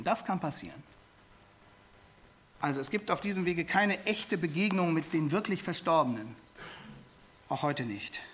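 A man's voice: on the high side, fairly bright tone. A man preaching a sermon, explaining a Bible passage and speaking directly to his listeners, often repeating words for emphasis. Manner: expository Bible teaching, addresses listeners directly.

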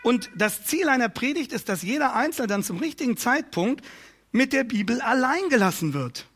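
Man, preacher, high voice, emphatic sermon delivery, repetitive rhetorical phrasing. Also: very animated, moderate pace, fairly bright tone.

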